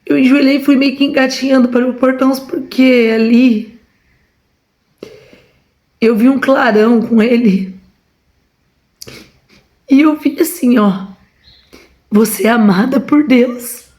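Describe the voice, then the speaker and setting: A woman's voice: high-pitched, fairly even intonation, unhurried, pauses often, darkish tone. A woman with a Brazilian Portuguese accent giving a fervent testimony from home, repeatedly calling her listeners brothers. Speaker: preacher. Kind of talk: emotional testimony to a congregation.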